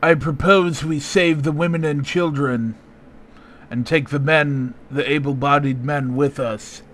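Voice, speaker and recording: Male player, bright tone, faint background noise. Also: fairly high pitch, steady tone, unhurried. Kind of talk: tabletop role-play.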